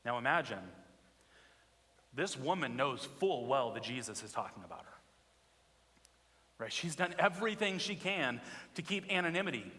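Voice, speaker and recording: A man's voice: medium pitch, big pitch swings, normal speed, long pauses, bright, forceful tone, big-room sound. A man preaching a sermon as a pastor, telling stories animatedly and asking the congregation rhetorical questions. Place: church sanctuary.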